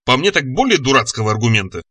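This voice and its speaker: A man's voice: mid-range voice, very animated, quick pace, sharp tone, husky, exaggerated voice. A man voicing a wry young man who speaks in a dry, offhand way.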